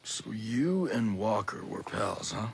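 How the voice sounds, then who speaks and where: A man's voice: fairly low pitch, sing-song, slow, vocal fry, husky, full character voice. An actor playing a terse, hard-bitten male soldier in video game dialogue.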